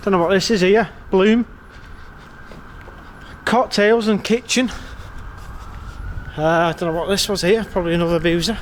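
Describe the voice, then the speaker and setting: A man's voice: sits high, fairly even intonation, normal speed, pauses often, a little hiss or hum. An English man vlogging as he walks a town's streets and pubs, giving a blunt, sweary, wry running commentary. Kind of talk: casual walking vlog. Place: outdoors on town streets at night, then inside a pub.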